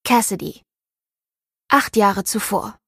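A woman's voice: mid-range voice, slow, fairly bright tone, breathy edge, no room sound. Woman reading an audiobook, dry. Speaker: audiobook reader. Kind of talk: scripted narration.

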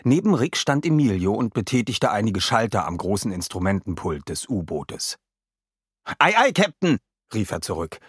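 A man narrating a children's adventure story as a lively storyteller. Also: lowish voice, moderate pace, few pauses, slightly rough, no room sound, studio quality.

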